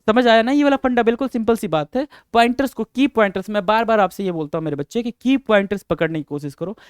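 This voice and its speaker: Guy teaching grammar, kinda high voice, clear and dry, repeats stuff a lot. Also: quick pace, no echo. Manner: mixes Hindi and English, calls students "beta" and "sir", repeats himself. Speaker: English teacher. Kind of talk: Hindi-English grammar lesson.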